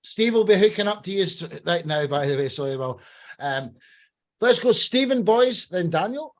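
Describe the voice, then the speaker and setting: A man's voice: high voice, animated, moderate pace. A man hosting a panel podcast in a casual, conversational style, handing over between speakers. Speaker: podcast host.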